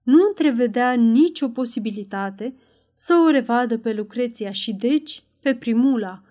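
A woman reading an adventure novel aloud in measured audiobook narration. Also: on the high side, dark tone. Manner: measured storytelling, raises voice for dialogue.

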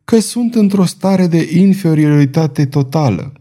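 Un bărbat jucând un spadasin înlănțuit, rece și ironic. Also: male voice, fairly high pitch, pitched above the performer's own voice, lightly acted. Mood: courteous. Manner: calm, ironic, courteous. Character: chained, weakened male swordsman, cool and ironic.

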